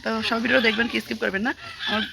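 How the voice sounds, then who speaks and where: Young woman vlogger, hoarse, talks super fast and a bit high, noisy phone audio. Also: steady tone. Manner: rapid chatty talk, coos loudly at a small child. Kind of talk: casual home vlog. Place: rural home, indoors and yard.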